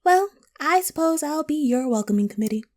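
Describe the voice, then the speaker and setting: A woman voicing a teasing, riddling female cat from Wonderland in an audio roleplay, coy and playful with drawn-out, whimsical phrasing. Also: high voice, animated, darkish tone. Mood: welcoming, intrigued. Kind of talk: scripted audio roleplay addressed to the listener.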